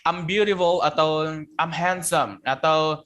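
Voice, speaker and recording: A man's voice: fairly high pitch, takes it slowly, a crowd in the background. A young man teaching an online English lesson, switching between Indonesian and English and patiently repeating words and syllables as he explains pronunciation. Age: young adult.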